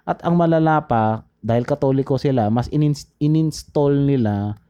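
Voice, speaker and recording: Guy rambling about history, dark mellow voice, keeps blanking on names. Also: medium pitch, moderate pace, smooth, muffled recording. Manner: rambling, searches for names, mixes English into Tagalog. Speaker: podcast co-host. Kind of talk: casual history chat.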